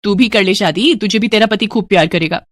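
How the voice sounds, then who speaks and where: A woman voicing a busy, practical young wife who speaks in a brisk, chiding way in a storybook tale. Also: mid-range voice, no echo, close to an everyday voice. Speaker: narrator voicing a character. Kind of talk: storybook narration.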